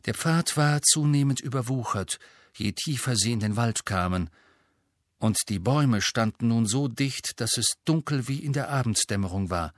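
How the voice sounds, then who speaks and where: A man narrating an audiobook in a steady storytelling manner. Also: mid-range voice, normal speed, no room sound. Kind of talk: scripted narration.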